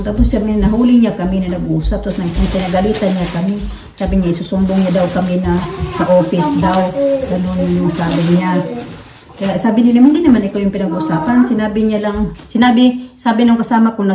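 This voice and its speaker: Talking casually to her audience, this vlogger from the Philippines meanders, restarting often and leaning on fillers. Her pitch is medium. The mic sits far away, so the sound is roomy with a little background noise.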